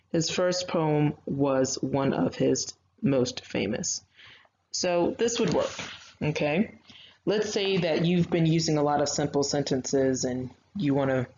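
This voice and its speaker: A woman's voice: deep voice, darkish tone. Patient woman teaching grammar online. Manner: patient, conversational teaching with frequent fillers. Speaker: writing instructor. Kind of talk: recorded online grammar lesson. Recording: slightly dull lo-fi sound with faint noise.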